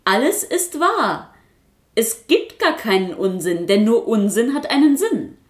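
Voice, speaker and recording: A woman voicing a talkative, boastful little male Kasper puppet in a storybook reading, chattering excitedly and insisting on getting his way. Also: a little high, unhurried.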